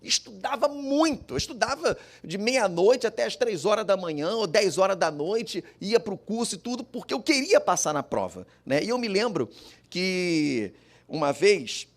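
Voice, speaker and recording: Speaking at a moderate pace, this Brazilian man's high voice swings widely in pitch as he tells an emotional story as a father before a public forum. He voices his family members as the tale unfolds.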